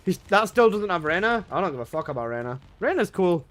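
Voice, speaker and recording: In his own room at home, a young gaming livestreamer reads and answers his chat with laid-back, slangy banter. His high voice is sing-song and fairly bright, and he talks fairly quickly.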